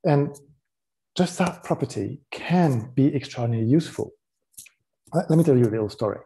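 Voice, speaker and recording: A man with a French accent giving a technical conference talk, explaining in a relaxed way with frequent ums and restarts. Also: mid-range voice, brisk, vocal fry. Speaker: conference speaker.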